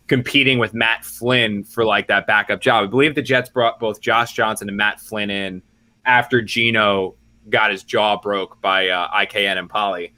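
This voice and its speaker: Bright-voiced rambling man on a podcast. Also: lowish voice. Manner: rambling, self-correcting, joking asides. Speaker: football beat reporter, podcast co-host. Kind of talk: casual podcast chat.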